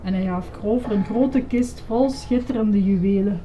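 A woman lively and expressive as she reads a children's story aloud. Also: medium pitch, moderate pace, a little hiss or hum.

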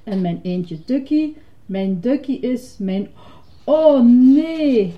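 A woman voicing an excitable, fussy, childlike male puppet in a high, dramatic, insistent voice while reading a storybook aloud. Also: takes it slowly. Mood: upset. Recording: dull lo-fi recording.

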